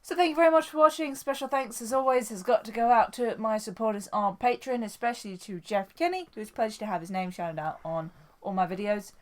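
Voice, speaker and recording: A woman's voice: on the high side, a little fast. Chatty woman hosting a fan podcast, eager and rambling. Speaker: podcast host. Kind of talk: casual chat.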